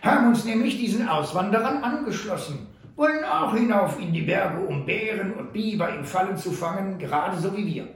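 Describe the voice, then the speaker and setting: A man voicing a sly, mocking old male trapper who drawls slowly in a high, gravelly voice. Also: lively intonation, far from the mic. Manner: slow, teasing drawl. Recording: roomy echo.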